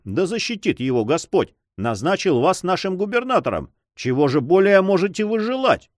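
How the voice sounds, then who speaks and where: Guy doing a rough hotheaded pirate, swings up and down a lot, dry sound. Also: sits high, no room sound. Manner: rough, impatient, blustering. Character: hot-tempered burly buccaneer man in his forties.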